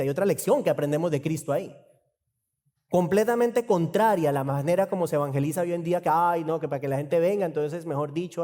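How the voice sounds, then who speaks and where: Male pastor, fairly high, mellow voice, church reverb; animated expository preaching with rhetorical questions. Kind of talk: expository sermon.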